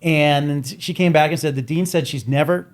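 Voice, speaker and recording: A man's voice: a little high, steady tone, moderate pace. A man in his forties, co-hosting a casual podcast chat and telling long stories about himself, often laughing at his own jokes. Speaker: podcast co-host.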